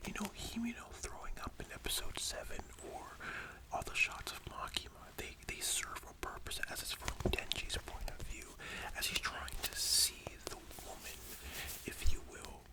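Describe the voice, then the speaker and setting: Whispered role-play, hushed library whisper asmr, explaining stuff like a lesson, breathy and unvoiced all through. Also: normal speed, low-quality recording. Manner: explanatory, checking the listener understands. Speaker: ASMR content creator.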